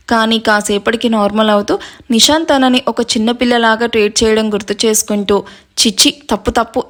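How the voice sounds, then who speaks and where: A woman storyteller narrating a romantic story in a lively reading style. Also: a little high. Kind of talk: scripted narration.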